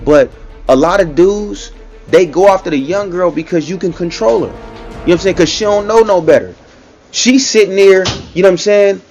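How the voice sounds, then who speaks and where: A man with a fairly high voice gives a loose, casual reaction commentary. He circles back on his points and keeps asking the listener if they follow, while faint music plays underneath. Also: moderate pace, a little mellow, lo-fi sound. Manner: conversational, repeats himself, frequent "you know what I'm saying".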